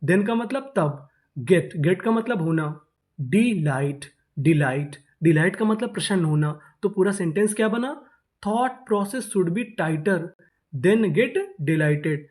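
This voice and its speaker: A man's voice: high-pitched, a little mellow. A man teaching English reading, spelling words out letter by letter and then repeating them. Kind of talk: spelling-out phonics lesson.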